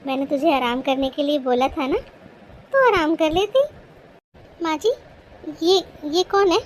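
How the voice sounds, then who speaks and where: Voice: high voice, unhurried, poor audio. A voice actor playing a sweet, curious new young bride in a cartoon, polite and inquisitive.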